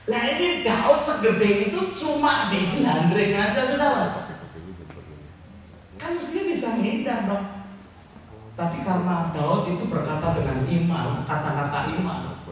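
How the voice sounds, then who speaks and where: A man preaching a lively, joking sermon to his congregation, with a Javanese-tinged accent. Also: high voice, recorded from a distance, slight background noise. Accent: Javanese-tinged Indonesian. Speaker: pastor. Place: church hall. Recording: echoey hall, picked up from afar.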